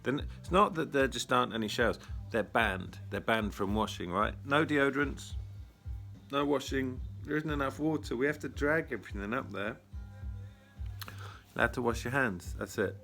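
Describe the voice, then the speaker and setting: A man's voice: medium pitch, lively intonation, moderate pace, gravelly, bright, forceful tone, faint music behind. A man, a retreat leader telling a story in a casual monologue, blunt, wry and full of swearing.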